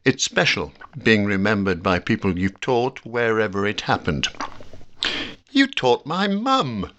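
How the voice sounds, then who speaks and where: A man from Newcastle upon Tyne reading his own reflective essay about home, measured and dryly precise. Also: fairly low pitch, a bit bright. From Newcastle upon Tyne, England. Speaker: guest contributor reading his own piece.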